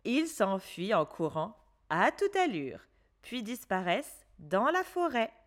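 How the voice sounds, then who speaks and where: A woman storyteller reading a children's story aloud, gentle and expressive. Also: medium pitch, takes it slowly.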